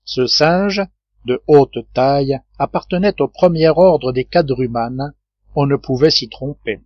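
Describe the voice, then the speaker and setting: A man reading a classic novel aloud as an audiobook narrator, in a steady measured manner. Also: mid-range voice, no room sound. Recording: dull dry lo-fi recording.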